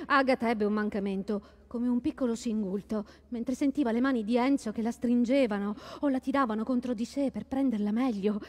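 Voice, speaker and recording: Casting: female reader, fairly high voice, measured storytelling. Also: darkish tone. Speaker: stage reader. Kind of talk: staged literary reading.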